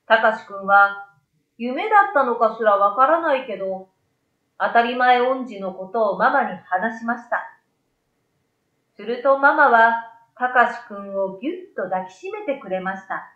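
A middle-aged woman with a fairly high, expressive voice reads a children's story at a moderate pace, performing it like a storyteller. She sits in a small, bright indoor room with a desktop condenser mic off to the side. The sound is roomy and a bit dull.

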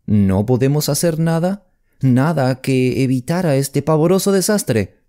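A nervous young Englishman, a rising politician, pleading in an audiobook mystery, as a male narrator acts him. His voice is low and warm, with much movement in pitch. He sounds tense and eager for a way out. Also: very animated, unhurried. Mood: anxious. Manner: anxious, pleading. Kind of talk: audiobook character voice.

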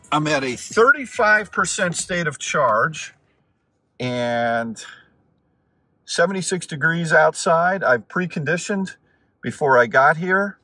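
A man's voice: a little high, pushed and bright. A man talking casually from inside his car, rambling and thinking aloud as he drives and charges. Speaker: vlogger reviewing electric cars. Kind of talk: casual talk while driving.

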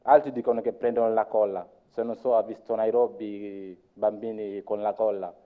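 A man's voice: on the low side, flat delivery. Kenyan man with a tinny, phone-like sound. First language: Luo. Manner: halting, searching for words, acts out what others said. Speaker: conference speaker. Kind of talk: informal talk at a conference.

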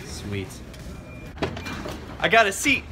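A young man vlogs his travels in a casual, upbeat and playful way, talking into a handheld camera held at arm's length through airports, a plane, a car and a hotel room. His voice sits high with huge swings in pitch, he speaks slowly, and there's heavy background noise.

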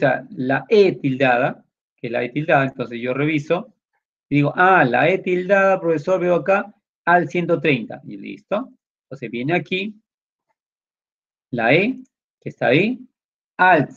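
A man's voice: fairly high pitch, husky. A man teaching a computer class, walking students through each step and checking in with short questions. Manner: explaining step by step, with many tag questions. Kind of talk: classroom lesson. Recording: dull lo-fi sound.

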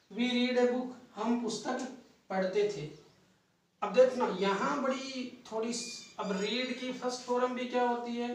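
High-voiced man teaching in an echoey room. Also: far from the mic. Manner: asks questions and answers them himself. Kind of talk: classroom grammar lesson.

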